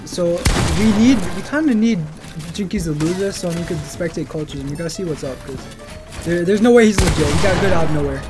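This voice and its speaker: A man's voice: sits high, animated, brisk. A young man doing casual gaming commentary as a streamer, talking in hyped gamer bro slang. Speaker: video game streamer. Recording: music and game gunfire behind. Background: background music, game gunfire.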